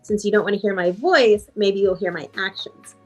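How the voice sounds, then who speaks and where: A woman's voice: medium pitch, normal speed, faint music behind, lightly acted. A woman voicing a small boy throwing a tantrum, whining and complaining over and over. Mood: mischievous. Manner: whiny, repetitive complaining.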